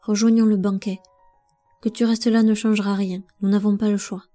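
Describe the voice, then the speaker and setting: A woman's voice: mid-range voice, level tone, normal speed, mellow, soft background music, lightly acted. A woman voicing a loyal young man who speaks in a friendly, encouraging way, in a storybook reading.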